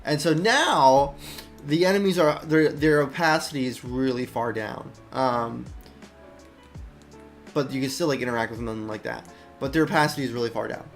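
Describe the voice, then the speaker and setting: Showing his game during a relaxed dev stream, a young indie developer rambles and thinks aloud, frequently starting his sentences over. He speaks at a moderate pace in a medium-pitched voice over soft background music.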